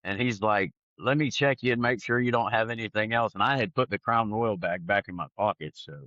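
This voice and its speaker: A man telling his testimony in an animated, conversational way. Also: fairly low pitch, fairly quick, dry recording, highs cut off. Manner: animated, acts out other people's lines. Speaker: guest sharing his testimony. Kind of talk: conversational storytelling.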